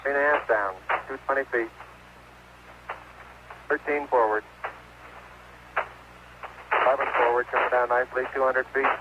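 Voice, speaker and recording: This lunar lander crewman talks at a moderate pace in a medium-pitched, fairly flat voice, leaving long pauses between his curt, matter-of-fact radio reports. Beeps and static crackle across the space transmission, which sounds dull and noisy.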